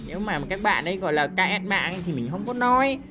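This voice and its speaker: A woman commentating on her own gameplay, excitable and full of loud, repeated exclamations. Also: lowish voice, quick pace. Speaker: game streamer. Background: game music and sound effects.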